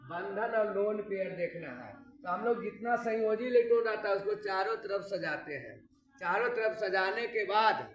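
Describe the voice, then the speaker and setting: A man's voice: high-pitched, moderate pace. A male chemistry teacher with a Bihari Hindi accent, lecturing students at a board and repeating each key point. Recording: echoey room from far off.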